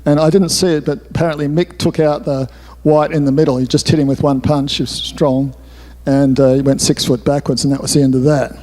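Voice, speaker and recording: A man's voice: on the high side, flat delivery, brisk, a little mellow. An author telling a candid, rambling story with asides, speaking in a hall with his slides. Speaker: author giving a talk. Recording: roomy hall reverb.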